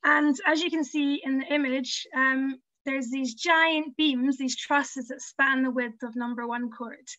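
Speaking through a video call webcam, a young woman presents slides at a conference as a museum community learning officer, and the audio is dull and lo-fi. Her high, pushed, bright voice has fairly even intonation, a little slow with few pauses. She's earnest and explanatory, says um often, and sounds a little worn as she loses her voice.

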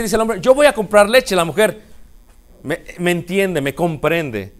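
Male preacher, high voice, playful storytelling sermon. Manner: animated, acts out couples' dialogue with humor.

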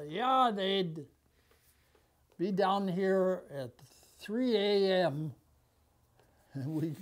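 Very slow, elderly American man. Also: a little high, dark tone. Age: 90s. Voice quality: aged voice. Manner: halting, with long pauses. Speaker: war veteran being interviewed. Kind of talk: conversational reminiscence. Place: small office, indoors. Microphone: lapel mic.

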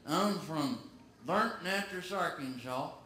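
Slow, slurring drunk dummy, lips barely moving. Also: male voice, on the high side, lively intonation, bright, forceful tone, reverberant, pitched above the performer's own voice, full character voice, low-quality recording. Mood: tipsy, slow. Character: slurring drunk male hillbilly ventriloquist's dummy, cheeky. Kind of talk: stage ventriloquism comedy.

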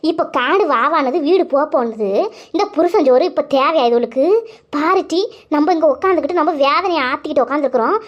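A woman voicing a beaten young wife in a cartoon, shrill and scolding. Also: brisk, close to an everyday voice. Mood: furious. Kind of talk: cartoon voice acting. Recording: dull lo-fi sound.

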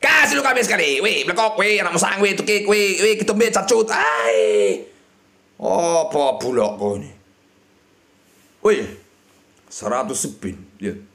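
A man, shouting and muttering over a slot game as he streams it. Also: high-pitched, big pitch swings, measured pace, gravelly, long pauses. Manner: shouting and chanting at the reels, swinging between yelling and mutters. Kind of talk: excited live slot-game commentary.

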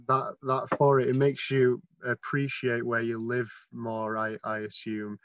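A man's voice: mid-range voice, a bit bright, no room sound. A young man on a video call from a small bedroom, asking a long, rambling question with many fillers. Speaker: audience member asking a question. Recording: dull, dry and distant webcam sound.

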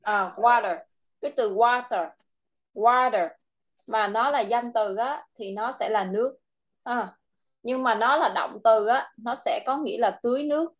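Patient female English tutor with a Vietnamese accent, slightly high-pitched, explains slowly. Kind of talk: online English lesson for a child.

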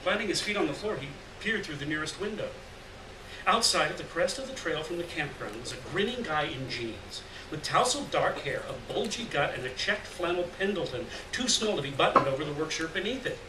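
Brisk and lively in intonation, with a fairly high pitch, a middle-aged man reads scripted narration aloud at a live literary reading in a gallery room. The lectern's stand mic is picked up only by a far camera, leaving the recording roomy, distant and noisy.

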